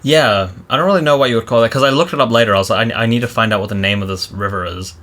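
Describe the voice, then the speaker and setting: Bright-voiced man chatting casually. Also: medium pitch, very fast. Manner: animated, laughs while ranting. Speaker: vlog co-host. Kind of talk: casual chat. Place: walking outdoors by a river.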